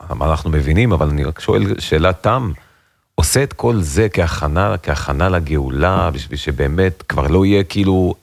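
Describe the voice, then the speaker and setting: A man interviewing a guest, eager and quick to react with amazement. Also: low voice, creaky, dry recording. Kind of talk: casual interview talk.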